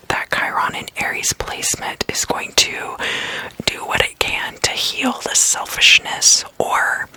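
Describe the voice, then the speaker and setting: A speaker giving a whispered astrology forecast, talking slowly and thoughtfully with frequent pauses and fillers. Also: sharp tone, poor audio. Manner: whispering throughout; slow, thoughtful, with many fillers.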